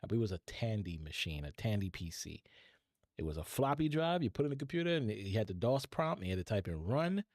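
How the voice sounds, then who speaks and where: Low-voiced chatty male stream host. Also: sing-song, fast talker, a little mellow, no room sound, studio quality. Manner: chatty and rambling, addresses chat directly. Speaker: live-stream tech show host. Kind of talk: casual live-stream chat.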